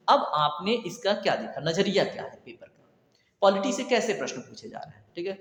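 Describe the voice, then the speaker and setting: A man teaches an exam prep lecture in a high voice. He fires off questions and answers each one himself, repeating the key points. His voice rings through a roomy hall with a long echo. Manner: repetitive quizzing, asks and answers himself.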